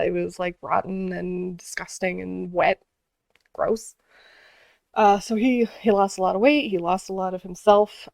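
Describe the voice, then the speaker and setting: A woman's voice: medium pitch, gravelly, dry recording. A woman vlogger telling a story in a casual, earnest way, with many fillers and restarts.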